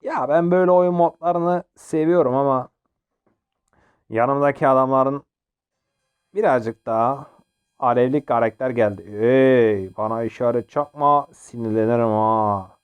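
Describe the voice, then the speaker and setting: A man's voice: medium pitch, measured pace, clean tone, lo-fi sound. A young man giving casual, jokey commentary while playing a mobile game, often yelping and laughing. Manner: excitable, jokey, yelps and laughs during play. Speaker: gaming channel host.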